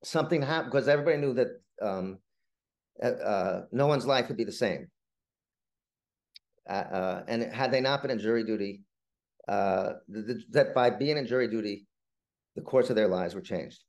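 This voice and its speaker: Telling stories during an interview, a middle-aged playwright speaks haltingly and wanders, often repeating words in casual conversation. His voice is lowish and a bit mellow.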